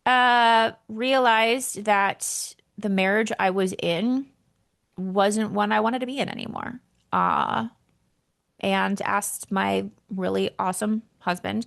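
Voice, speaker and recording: A woman's voice: mid-range voice, vocal fry. A woman in her thirties, a podcast host and entrepreneur, telling her personal story in a candid, casual way with the odd swear word.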